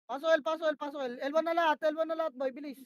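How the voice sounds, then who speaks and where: Very high-pitched woman calling game plays. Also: steady tone, racing, no echo, lo-fi sound. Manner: barks short repeated commands, swears when frustrated. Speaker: team shotcaller in a tactical shooter match. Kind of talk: rapid in-game voice comms.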